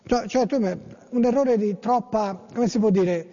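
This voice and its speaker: A man's voice: high-pitched, a little slow, dark tone. A man from Tuscany, hosting a casual monologue and reading listener messages in a playful, rambling way that repeats words. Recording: lo-fi with long reverb.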